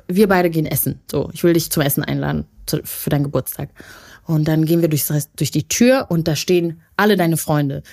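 Chatty woman with a mellow, lowish voice. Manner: chatty, laughs at her own jokes. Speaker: podcast co-host. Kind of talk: casual bedtime chat.

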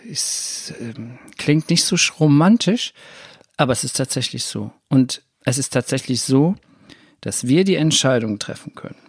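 A man talks through a spiritual self-help podcast in a loose, rambling way, often restarting his sentences. His voice is gravelly and husky at a middle pitch. The sound is dry and close to the mic. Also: expressive, a little slow, no echo. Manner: rambling, self-correcting, conversational. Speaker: podcast host.

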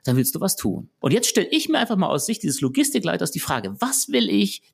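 A man co-hosting a podcast, talking in a relaxed conversational way and telling anecdotes full of rhetorical questions. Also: high voice, brisk, creaky, breathy edge. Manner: animated, storytelling with rhetorical questions. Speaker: podcast co-host.

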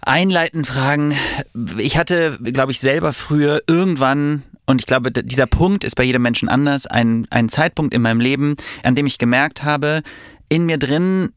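A man's voice: medium pitch, moderate pace, dry recording, studio quality. A man hosting a podcast in a casual, conversational way, interviewing his guest.

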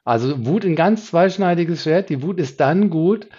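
A man's voice: a little high, animated, normal speed, warm tone, husky, lo-fi sound. A man hosting a podcast, explaining emotions in a solo teaching talk. He rises and drops his voice often and restarts sentences as he thinks. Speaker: podcast host.

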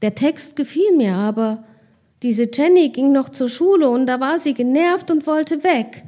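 A woman reads from her own novel in calm, measured first-person narration. Her voice sits a little high, warm and mellow, and she takes her time. Between passages she speaks casually about the book. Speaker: author reading her novel. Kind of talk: literary reading with casual asides.

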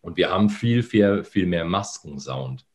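A male voice coach demonstrates voice exercises on a podcast, his fairly low, darkish voice still a bit phlegmy from the morning. He explains patiently with lively intonation, breaking into hummed syllables and drawn-out sung lines.

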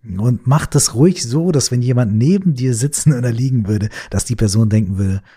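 A man leading a guided sleep meditation, speaking softly and soothingly and often sinking into near-whispers. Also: medium pitch, husky. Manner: slow, soothing, drops to soft whispers.

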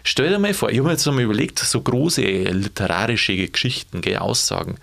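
A man with a Bavarian accent chats casually as co-host, musing and playful and quick to laugh. His voice is gravelly with a little fry. His pitch rises and falls widely as he talks. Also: big pitch swings, fairly bright tone. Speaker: podcast co-host. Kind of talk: casual chat.

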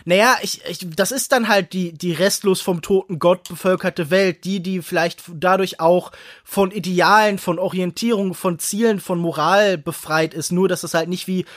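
A man with a notably high voice, recorded dry and close, who talks about cinema in long, thoughtful sentences. He circles around his ideas and picks his words as he goes, as a podcast co-host. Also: fairly even intonation, moderate pace, fairly bright tone, no echo. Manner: reflective, searching for words, long winding sentences. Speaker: podcast co-host, film critic. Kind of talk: analytical film discussion.

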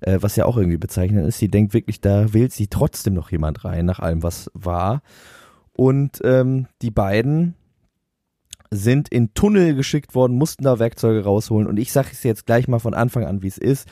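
A man's voice: fairly low pitch, animated, moderate pace, mellow, dry recording. A man co-hosting a podcast, chatting in a dry, teasing, mock-solemn way. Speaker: podcast co-host. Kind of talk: casual gossip chat.

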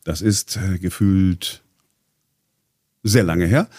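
A man's voice: sits low, slow pace, a little mellow, breathy edge. A man presenting on a talk show in casual chat, explaining at length with many hesitations and restarts. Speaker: radio presenter.

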